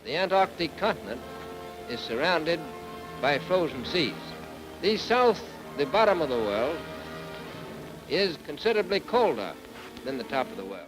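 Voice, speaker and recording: Male archive narrator: slightly high, animated delivery, measured and emphatic, music loud behind. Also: poor audio.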